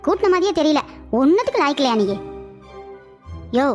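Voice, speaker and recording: A woman voicing a shrill nagging wife who scolds her husband nonstop, in a cartoon comedy. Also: expressive, a little fast, soft background music. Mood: scolding. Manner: sharp, scolding, bossy.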